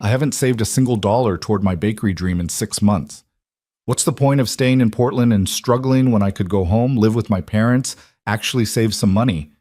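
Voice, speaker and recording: A worn-out young woman of twenty-nine speaks with weary strain, as a male narrator puts her on. Her voice sits low and dry, with no room around it. She sounds like a storybook reading. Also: fairly quick, darkish tone, no room sound, close to an everyday voice. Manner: weary, strained, pleading for realism.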